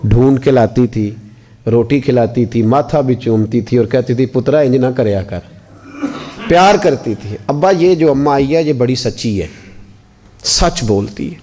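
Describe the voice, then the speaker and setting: A man's voice: medium pitch, moderate pace, dark tone. A male preacher, telling family stories in a sermon and acting out their voices with rising and falling tones. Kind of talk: sermon with storytelling.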